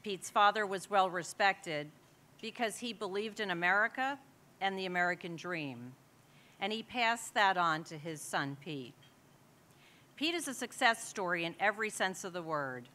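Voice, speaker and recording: Bright-voiced woman giving a formal tribute. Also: medium pitch, expressive, moderate pace. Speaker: co-chair presenting an award. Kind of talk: formal dinner speech.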